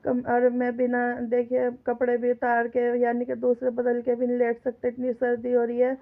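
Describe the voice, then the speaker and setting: Flat gravelly-voiced woman vlogging at home. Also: on the high side, moderate pace. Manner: chatty, complaining, talks straight to viewers. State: sore throat with a cough. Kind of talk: casual vlog chatter while cooking. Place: home kitchen. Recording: tinny phone-like sound.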